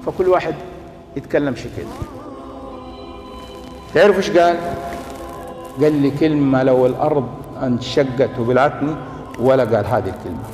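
A middle-aged man telling a story as a sermon, impassioned and rising to near-shouting. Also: medium pitch, normal speed, pauses often. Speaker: preacher who washes the dead. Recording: echoey hall with faint music.

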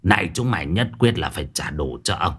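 A man playing a cruel, greedy old village official who curses and yells threats at the poor. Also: on the low side, big pitch swings, a little fast, breathy edge, exaggerated voice. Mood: snarling. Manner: snarling, cursing, yelling threats.

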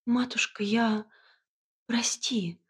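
Lady doing scared young princess, high and shaky, begging, a bit husky. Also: steady tone, normal speed. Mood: frightened. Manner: high, trembling, pleading. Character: timid young tsar's daughter, pleading, fearful.

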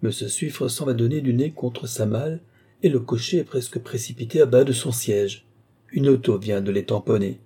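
Mellow-voiced man reading a comic story. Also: medium pitch, moderate pace, breathy edge. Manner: animated storytelling, voicing the quoted characters. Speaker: reader. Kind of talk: scripted narration of a comic short story.

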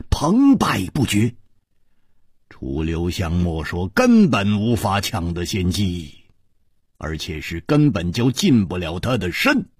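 Husky male storyteller with a wildly swinging delivery. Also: on the low side, a little mellow, no room sound, studio quality. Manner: dramatic, rising and falling delivery. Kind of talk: traditional Chinese storytelling narration.

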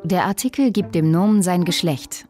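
A woman's voice: lowish voice, normal speed, a little mellow, soft background music, natural voice. A woman voicing a strict female figure who stands for the rules of German grammar, speaking in a curt, lecturing way, for a radio feature.

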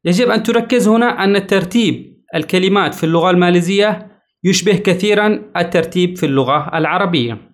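A man teaching vocabulary in a lesson, repeating each word several times in a careful, drawn-out way. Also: high-pitched. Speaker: language teacher. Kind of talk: slow, repetitive language lesson.

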